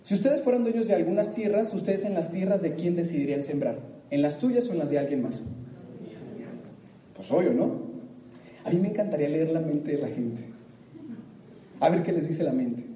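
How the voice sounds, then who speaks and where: A man's voice: on the high side, expressive, normal speed, pauses often, warm tone, recorded from a distance, slight background noise. A man giving a motivational talk, throwing questions at the audience and acting out their answers with a laugh. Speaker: motivational speaker. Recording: echoey room with faint ambience.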